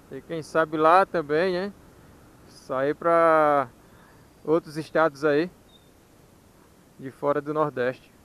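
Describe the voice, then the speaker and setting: A man in his thirties hosts a motovlog in casual, chatty style. His voice sits a little high for a man, and he has a Northeastern Brazilian accent. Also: fairly bright tone, clean tone. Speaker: motovlog host. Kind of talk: casual vlog chat.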